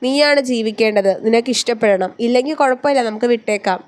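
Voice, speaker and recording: A woman voicing a firm, protective young husband in a read-aloud story, speaking calmly and steadily. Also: a little high, fast, close to an everyday voice.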